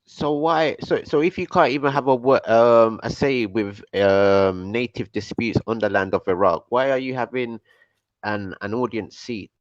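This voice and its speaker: A man questioning in a heated, casual debate, halting and stammering, repeating words as he pushes back. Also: medium pitch, dry recording. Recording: dull lo-fi sound.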